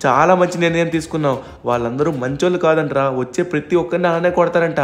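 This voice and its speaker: A man plays a young man just out of hospital, talking quickly and with feeling. The voice sits somewhat high for a man, in a fan-dub game style. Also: steady tone, soft background music, close to an everyday voice. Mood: earnest. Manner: fast emotional talk.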